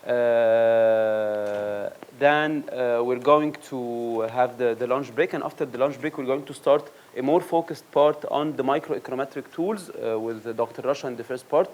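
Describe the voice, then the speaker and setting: Man, workshop instructor, halting lecture style, lots of fillers and restarts, mid-pitched voice, workshop room. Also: a little mellow, muffled recording, slight background noise. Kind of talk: lecture introduction.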